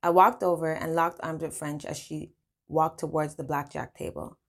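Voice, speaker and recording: A woman narrating her own story in the first person, casual and full of slang. Her voice is low with a gravelly, creaky texture. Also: steady tone, normal speed.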